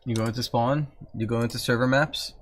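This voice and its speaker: A man's voice: mid-range voice, steady tone, brisk. A man talking casually on a live stream, plainly explaining steps to his chat as he works on a game.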